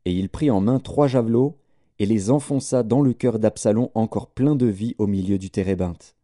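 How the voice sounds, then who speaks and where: A man reading scripture aloud in a measured, solemn way. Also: on the low side, mellow, no room sound, clean studio sound. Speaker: scripture reader.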